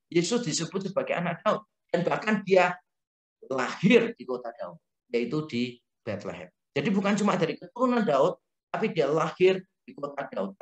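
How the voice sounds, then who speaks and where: A male pastor with an Indonesian accent, preaching a lively, humorous sermon and acting out quotes. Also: on the high side, reverberant. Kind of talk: sermon teaching.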